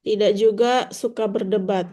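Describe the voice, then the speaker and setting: A woman assisting the teacher by giving short translations in a soft manner. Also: medium pitch, steady tone, normal speed.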